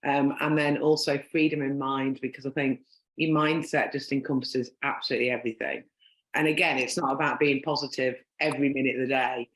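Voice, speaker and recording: Speaking a little fast in an extremely low voice with little pitch movement, a Northern English podcast host chats her way through a casual interview. Her talk rambles and is full of "um" and "like," recorded in an echoey room.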